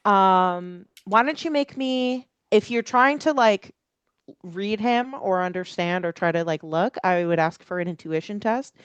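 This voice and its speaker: A woman's voice: medium pitch, measured pace, smooth, no room sound, highs cut off. A woman game master improvising tabletop narration, piecing descriptions together hesitantly as she goes.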